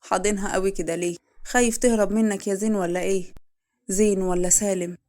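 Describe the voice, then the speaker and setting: A lonely, jealous second wife, as a woman plays her, speaks in an Egyptian accent. Her talk is fast and stays close to the narrator's everyday voice. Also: mid-range voice, steady tone, mellow, natural voice. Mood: bitter. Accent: Egyptian Arabic.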